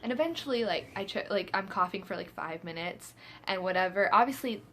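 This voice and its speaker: A woman's voice: mid-range voice, expressive, fairly quick, a bit bright, slight background noise. Chatty young woman telling a story. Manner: chatty, self-mocking, laughs often, acts out quotes. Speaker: vlogger. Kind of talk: casual storytime.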